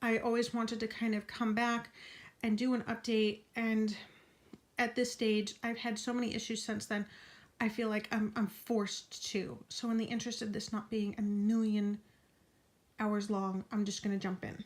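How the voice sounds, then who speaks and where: A woman's voice: a little high, flat delivery, moderate pace. An out-of-breath woman giving a casual update vlog from her bed at home, talking in a frank, indignant way and sometimes dropping into a whisper. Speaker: vlogger.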